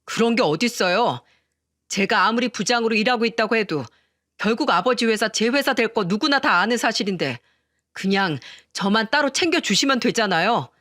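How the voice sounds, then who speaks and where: Entitled middle-aged son, whiny and demanding, as the narrator puts him on, plain dry read. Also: female voice, fairly high pitch, expressive, moderate pace, fairly bright tone, dry recording. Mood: sulky.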